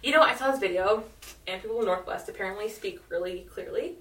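A woman's voice: medium pitch, fast, a bit bright. A woman with a Californian accent telling stories in casual, slangy chat, often saying "like". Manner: informal, slangy, says "like" often. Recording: roomy echo, distant mic.

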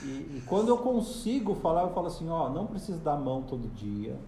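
A Brazilian man with a fairly high voice chats on a podcast in a campy, dramatic way, sounding exasperated as he tells his stories. The room gives his voice a noticeable echo. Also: lively intonation, fast talker, mellow, a little hiss or hum. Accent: Brazilian Portuguese. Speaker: podcast host. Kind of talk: casual podcast chat. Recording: roomy echo.

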